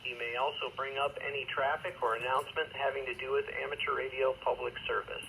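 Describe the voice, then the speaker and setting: A man acting as amateur radio net controller, reading procedure in a measured, formal way over two-way radio with static. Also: medium pitch, level tone, vocal fry. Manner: measured, formal, with hesitant asides. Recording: radio transmission with faint static noise.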